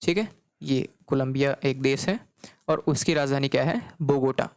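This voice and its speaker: A man's voice: medium pitch, moderate pace, smooth, dry recording, clean studio sound. A man teaching geography in a recorded lecture, checking in often and repeating each point back as a question. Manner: repeats key points as quiz questions, frequent "okay" checks.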